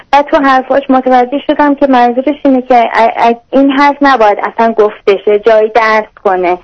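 A woman calling a radio advice show, talking in a halting, hesitant, apologetic way. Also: fairly high pitch, muffled recording. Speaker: radio caller seeking advice. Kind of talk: call-in phone conversation.

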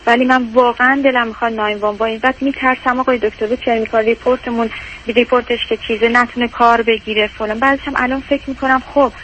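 A woman's voice: a little high, fairly bright tone, a little hiss or hum. Distressed woman caller on a phone line. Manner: distressed, fast rambling, tearful at times. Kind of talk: telling her story on a call-in show.

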